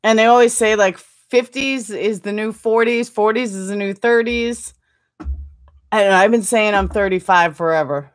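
Speaking at a moderate pace with a medium-pitched voice, this livestream host is a woman in her forties. She chats casually, reads viewer comments aloud in a self-deprecating way, and laughs often, captured by a desktop webcam in a small indoor room with curtains behind her.

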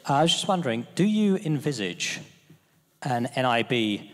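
A man's voice: medium pitch, very animated, normal speed. A man in the audience asking a hesitant question in a large hall. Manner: hesitant with fillers. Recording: long hall reverb.

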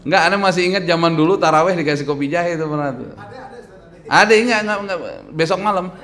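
A man in his thirties giving a lively sermon at a lectern, quizzing the audience and joking between points. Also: high voice, quick pace. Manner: animated, quizzing the crowd, joking. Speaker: preacher. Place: mosque hall lecture at a lectern. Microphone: stand mic on lectern.

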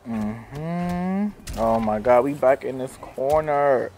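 A man's voice: medium pitch, slow pace, slight background noise. A man giving casual commentary on his own fighting game matches, trash-talking with swearing, then fretting nervously when he falls behind. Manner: excitable trash talk with swearing and taunts; nervous self-talk and sighs when losing.

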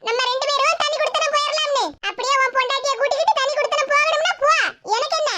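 A woman's voice: extremely high pitch, steady tone, fast, sharp tone. A woman voicing a scornful older mother in a cartoon who taunts her son, speaking with a Kanyakumari accent. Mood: taunting. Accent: Kanyakumari Tamil.

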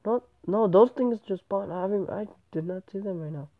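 He's a gameplay channel host with a high, brisk voice and a nose stuffed from a cold. Casual and rambling, he often corrects himself, and the tablet recording sounds tinny, like a phone.

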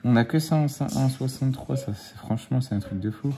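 Medium in pitch and mellow, this man is a scratch-card vlogger chatting at home. He scratches tickets beside his children, teasing them lightheartedly and lingering over each number.

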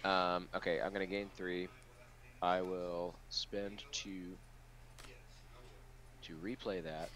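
A man's voice: deep voice, level tone, slow, a bit bright. A man playing a board game over voice chat, friendly and apologetic, laughing easily.

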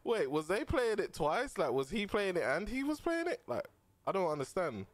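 A man's voice: high voice, very animated, normal speed, no echo. A man streaming, incredulous and laughing often, swearing freely in casual chat. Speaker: streamer reacting to a clip.

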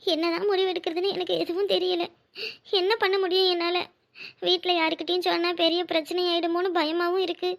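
A woman's voice: very high voice, level tone, brisk, vocal fry. A woman voicing an anxious young woman about to be married, who talks in a hesitant, fretful way. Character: anxious young bride-to-be, worried and fearful. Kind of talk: cartoon voice acting.

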